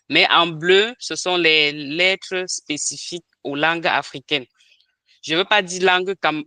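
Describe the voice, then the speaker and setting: Bright, crisp-voiced man teaching online. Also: fairly high pitch, no room sound. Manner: hesitant, many restarts and fillers. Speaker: language trainer. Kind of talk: online training session.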